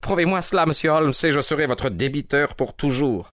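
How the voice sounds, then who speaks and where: A man's voice: on the low side, steady tone, moderate pace, no echo, studio quality, pitched above the performer's own voice, natural voice. A man voicing an anxious middle-aged father who pleads urgently, in an audiobook. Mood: pleading. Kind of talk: audiobook character reading.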